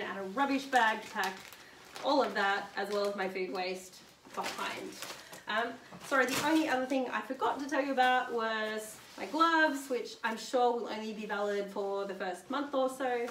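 This is a young woman with a slightly high, fairly bright voice going casually through her hiking gear at home. Upbeat and chatty, full of "um"s, she holds up each item, standing back from a camera a few metres away that captures roomy audio with a faint hiss.

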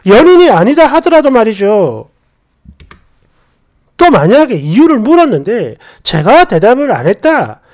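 A woman's voice: on the high side, big pitch swings, unhurried, darkish tone. A woman reading a first-person story aloud, with an indignant, questioning tone. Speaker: story narrator.

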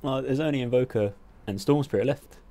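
A man's voice: mid-range voice, brisk, warm tone. A man giving casual, sweary, nervous commentary on his own gameplay. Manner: nervous, sweary, chatty self-talk. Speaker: gamer.

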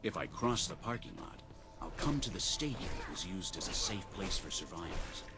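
An actor playing a weary male survivor, narrating in a measured, grave game voice-over. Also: sits low, sing-song, sharp tone, heavily acted. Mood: grim. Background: game music.

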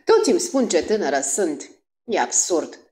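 A strident, shrill middle-aged wife, as a woman narrator puts her on, fussy and self-absorbed, gushing over herself in a lively, swooping voice. An audiobook reading.

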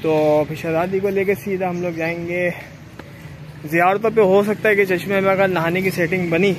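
Young guy doing a chatty travel vlog outside, lapel mic, voice sits a bit high, faint outdoor hiss. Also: fairly even intonation, moderate pace. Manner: chatty, addresses viewers directly. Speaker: vlogger. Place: outdoors under trees, then riding a motorbike on dusty rural roads. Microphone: clip-on lapel mic.

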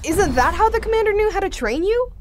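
Supportive young hero's friend female actor, high and animated, earnest children's audio adventure. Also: brisk, slight background noise. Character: helpful young hero sidekick, earnest, supportive. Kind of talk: children's audio drama acting.

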